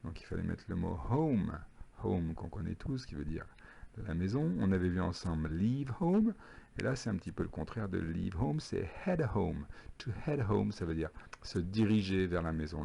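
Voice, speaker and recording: A man, an English teacher recording a homework lesson, who patiently repeats phrases slowly. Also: sits low, gravelly, warm tone, husky.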